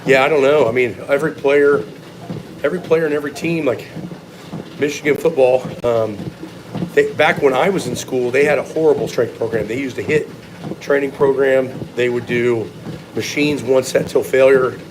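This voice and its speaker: A man's voice: medium pitch, fairly even intonation, normal speed, noisy background. A man giving blunt, opinionated, sometimes profane answers in a casual live question-and-answer chat as a strength coach.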